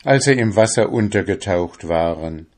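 A man narrating a fairy tale in a slow, solemn storytelling manner. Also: low voice, animated, darkish tone.

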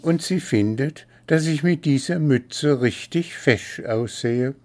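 A man's voice: mid-range voice, takes it slowly, a little mellow, voice pushed up, natural voice. A man voicing a vain little male bird in a storybook, chirpy and self-satisfied. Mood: vain, eager. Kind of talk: storybook character voice.

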